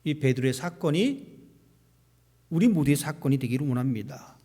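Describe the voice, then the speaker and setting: A man's voice: mid-range voice, expressive, normal speed, warm tone, husky. A male pastor preaching a sermon in a church sanctuary, asking the congregation rhetorical questions. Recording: long hall reverb.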